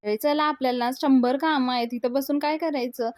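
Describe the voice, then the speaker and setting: Woman playing a blustering village man, shouting orders, high and loud, dry close sound. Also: fairly even intonation, a little fast, no room sound, lightly acted. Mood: bossy.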